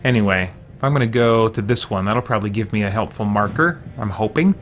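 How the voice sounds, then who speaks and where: With a fairly low pitch and a brisk delivery, a man streams a let's play, talking casually, pondering aloud while playing, and fielding questions from viewers. Video game music sits behind his voice.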